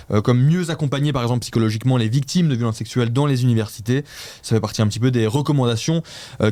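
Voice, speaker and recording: A male show host talks through the week's news in a loose, chatty way, often stopping and restarting his sentences. His voice sits at an ordinary middle pitch and comes across dry and close, with no room sound around it. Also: darkish tone, no room sound. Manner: hesitant, restarting often, chatty and self-mocking. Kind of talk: casual news recap and quiz with co-hosts.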